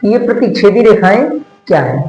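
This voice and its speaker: Male tutor, high-pitched, call-and-response lecturing, roomy echo. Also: big pitch swings, a little mellow. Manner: asks questions and answers them himself, repeating key terms slowly. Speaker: maths teacher. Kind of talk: classroom lecture. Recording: echoey room.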